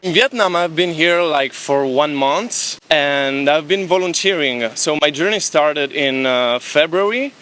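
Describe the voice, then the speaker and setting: A young Italian man chats easily about his travels in a casual street interview on a beach, laughing between thoughts. His voice is a little high and a bit bright, a little slow with hardly any pauses, and there's slight background noise.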